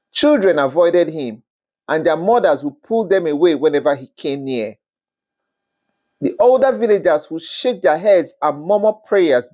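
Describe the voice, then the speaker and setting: A medium-pitched storyteller narrates a scripted folktale with expressive drama, occasionally stumbling over words.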